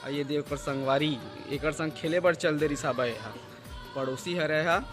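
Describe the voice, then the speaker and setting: A man's voice: on the high side, fairly even intonation, normal speed, crowd noise. A man with a Chhattisgarhi accent narrating a casual family vlog outdoors, chatting to viewers as friends while showing his home. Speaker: vlogger host. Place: outdoors around a house and rooftop. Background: background music.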